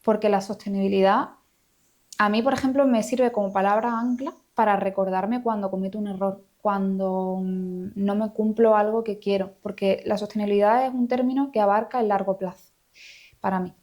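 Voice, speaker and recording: Woman, psychologist guest; thoughtful, explanatory delivery, mid-pitched, chatty tag questions. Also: steady tone, normal speed, darkish tone. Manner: reflective, explanatory, many filler "eh" and "¿no?". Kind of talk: conversational interview.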